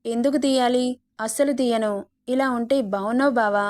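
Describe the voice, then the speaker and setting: A woman's voice: a little high, moderate pace, a little mellow, no echo, natural voice. Woman voicing a cheerful coaxing young wife. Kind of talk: storybook dialogue reading.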